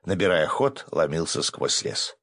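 A man narrating a first-person adventure audiobook, brisk with coarse asides. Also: deep voice, sing-song, fairly bright tone, husky, no echo, studio quality.

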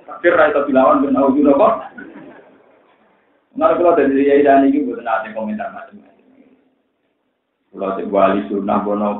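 A man with a Central Javanese accent preaching a religious lecture, telling stories in a lively way that mixes jokes and pleading. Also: medium pitch. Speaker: Islamic preacher. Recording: echoey, tinny lo-fi recording.

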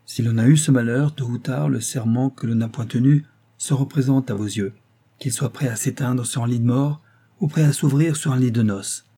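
A man voicing a noble young wife, gentle but resolute, in an audiobook reading with an earnest, solemn manner. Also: mid-range voice, normal speed, husky.

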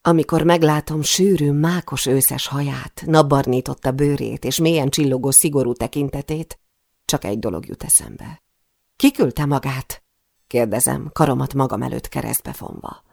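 A woman's voice: very deep voice, vocal fry, darkish tone, no room sound, clean studio sound. A woman narrating a first-person novel in a tense, intimate storytelling manner. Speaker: audiobook narrator.

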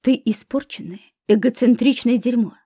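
A woman's voice: fairly high pitch, moderate pace, warm tone, no room sound, clean studio sound. A woman reading a defiant wounded wife. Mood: cutting. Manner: hoarse, cold then cutting.

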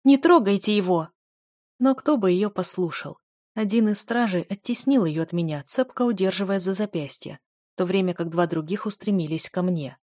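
A woman reads a fantasy novel aloud in a steady, expressive narration. Her voice sits on the low side, and the recording is dry and close, with no room sound. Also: normal speed, no room sound. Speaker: audiobook narrator.

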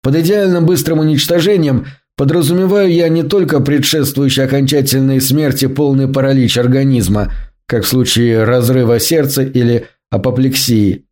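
A man voicing a calm, coldly determined male scientist in an audiobook, with a measured, lecturing delivery. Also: medium pitch, lightly acted. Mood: earnest. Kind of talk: audiobook reading.

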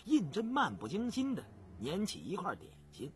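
A man narrating a historical novel in an unhurried storytelling manner. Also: sits high, wildly swooping pitch, a bit bright, faint music behind.

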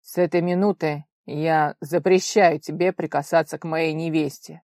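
A woman voicing a stern, jealous young male suitor who speaks curtly and loudly. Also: low-pitched, fairly even intonation, moderate pace, no room sound, studio quality. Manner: curt, loud and commanding.

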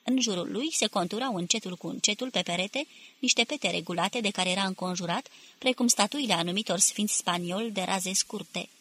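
Husky-voiced woman narrating an audiobook. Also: mid-range voice, sharp tone. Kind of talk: scripted literary narration.

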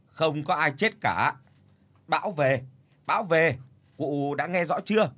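A man voicing a bustling old village woman who shouts urgently to a half-deaf neighbor. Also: mid-range voice, animated, no room sound, lightly acted. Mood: urgent, shouting. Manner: shouting slowly into a deaf ear. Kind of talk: storytelling.

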